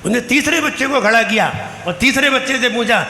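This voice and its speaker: A high, bright male voice delivers a lively storytelling sermon, acting out little scenes as he goes. He sounds like a monk addressing a gathering, his words ringing through a long, reverberant temple hall with a faint hum of ambience behind. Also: brisk. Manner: animated storytelling, mimicking children's lisps. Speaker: Jain monk preacher.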